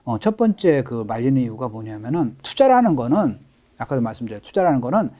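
A man's voice: mid-range voice, sing-song, quick pace, mellow. A middle-aged man, a real estate expert guest, explaining things in an interview with emphatic stress on key words.

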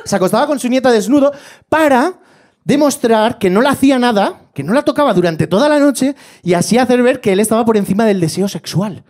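A man performs stand-up, his voice sitting high for a man. He tells his stories with lively swings and bursts into shouted impressions of his relatives, with a club audience laughing behind him. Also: brisk. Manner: animated storytelling, shifting into shouted impressions of family. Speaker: stand-up comedian. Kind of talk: stand-up comedy set.

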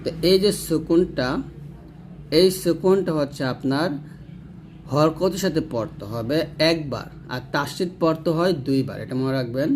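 Man, fairly high voice, patient teacher, repeats sounds slowly, recitation drills. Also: a little mellow, a little hiss or hum. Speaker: Quran reading teacher. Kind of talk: step-by-step recitation lesson.

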